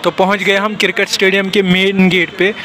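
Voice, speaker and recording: Over heavy street and crowd noise, a young man offers casual walking-tour narration for his travel vlog, pointing things out at a metro station and stadium. He's outdoors filming on a handheld phone, speaking a little fast in a high voice with a level tone.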